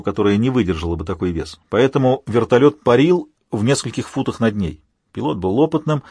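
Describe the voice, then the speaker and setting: A man narrating an audiobook in an even, measured reading. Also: mid-range voice, husky, no room sound, studio quality. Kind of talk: scripted narration.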